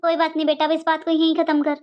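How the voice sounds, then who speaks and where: Woman playing a gentle old mother, soft and self-sacrificing, very high thin voice. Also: completely flat delivery, rapid-fire, lo-fi sound, lightly acted. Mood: resigned. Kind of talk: family drama acting.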